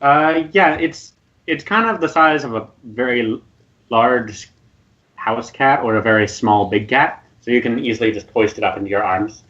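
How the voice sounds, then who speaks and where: A man narrating as game master of a tabletop game, in a relaxed, hesitant way with fillers. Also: medium pitch, normal speed, highs cut off.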